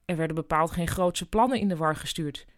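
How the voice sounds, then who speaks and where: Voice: mid-range voice, brisk, no room sound. A dry, matter-of-fact audiobook narrator. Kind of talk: scripted narration.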